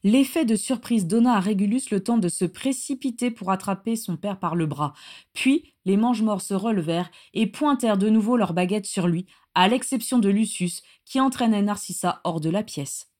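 A woman reading a story aloud in steady narration. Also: medium pitch, moderate pace. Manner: steady narration with acted dialogue. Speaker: story reader. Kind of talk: reading fan fiction aloud.

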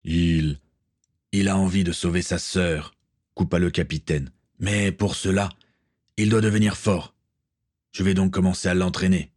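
A calm ship captain with a low, steady voice, as the narrator reads him. He speaks with quiet authority, laying things out plainly in a storybook reading. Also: a little slow. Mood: serious.

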